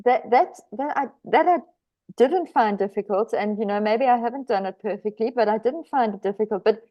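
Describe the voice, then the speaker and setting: A woman's voice: on the high side, fairly quick, highs cut off. A woman from South Africa with a South African accent, an author answering podcast interview questions with lots of hesitant restarts and easy laughter. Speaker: author guest.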